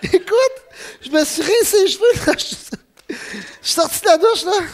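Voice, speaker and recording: A man with a Quebec French accent, telling a comic story in an excitable way, laughing and letting out yelps. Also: very high-pitched, a little fast. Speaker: radio host.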